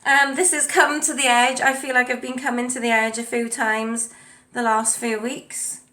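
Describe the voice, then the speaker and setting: Using a desk mic at home under a ring light, a tarot and oracle card reader offers a casual spiritual card reading, chatting with many ums and you knows while reading the card texts. Her slightly high voice has a sharp tone and flat delivery at normal speed.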